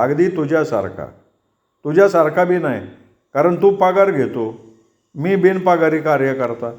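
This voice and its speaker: A man's voice: a little high, darkish tone, highs cut off. A man voicing a drunk, aggrieved middle-aged male party worker who rants in rustic, self-pitying speech.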